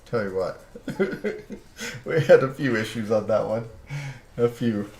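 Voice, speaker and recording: A man's voice: fairly low pitch, measured pace, a little mellow, echoey room. A man chatting casually on his live art stream, rambling and often breaking off mid-sentence with chuckles.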